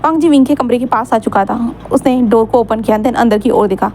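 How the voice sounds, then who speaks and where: High-voiced woman casually retelling a story. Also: fairly quick, darkish tone, a little hiss or hum. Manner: casual retelling with many fillers. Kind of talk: casual fan-fiction story reading.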